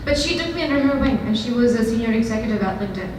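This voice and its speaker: This young Indian founder's storytelling lightning talk comes out rapid-fire, candid and chatty, full of ums and delivered in an Indian accent to an audience. Her voice sits slightly high, heard from far away in a very echoey hall with steady background noise.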